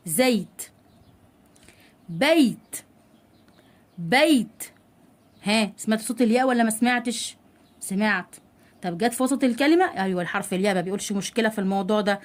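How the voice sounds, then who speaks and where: A woman with an Egyptian Arabic accent teaching children to read, asking questions and slowly drawing out the letter sounds. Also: medium pitch. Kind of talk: children's reading lesson.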